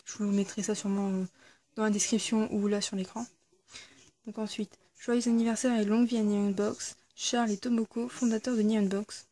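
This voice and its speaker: Woman unboxing stuff on camera, warm soft voice, lots of umms and restarts. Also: mid-range voice, little pitch movement, moderate pace. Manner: hesitant, with frequent fillers and self-corrections. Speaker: YouTuber reviewing a subscription box. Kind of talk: casual unboxing vlog.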